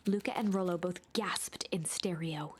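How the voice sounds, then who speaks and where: A woman as a calm storybook game narrator. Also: lowish voice, normal speed, noisy background, natural voice. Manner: drops to a hushed whisper for tense passages. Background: game music.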